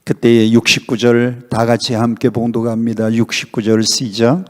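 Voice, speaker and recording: In the sanctuary of a revival meeting, an older guest pastor from Honam, South Korea, poses forceful questions to the congregation. His mid-range voice is flat and moves at a normal speed, and the hall's reverb lingers long.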